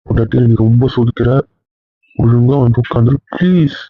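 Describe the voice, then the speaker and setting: A man's voice: medium pitch, steady tone, a little fast, a little hiss or hum. Playful pleading man on a tinny line. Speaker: husband in a comedy audio drama. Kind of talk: casual role-play banter. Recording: tinny, phone-like sound.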